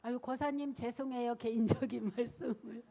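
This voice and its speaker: A woman, a Buddhist nun, delivering a sermon with a somewhat high voice. She tells her stories in an animated, lively way. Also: normal speed, creaky. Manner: lively storytelling, animated and laughing. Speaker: Buddhist nun giving a dharma talk.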